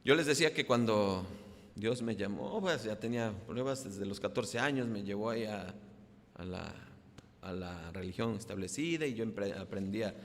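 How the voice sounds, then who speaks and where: A man with a Mexican accent preaching a sermon as pastor, often asking the congregation rhetorical questions, his voice swinging from soft to loud. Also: fairly low pitch, lively intonation, moderate pace. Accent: Mexican Spanish. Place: church hall. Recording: long hall reverb.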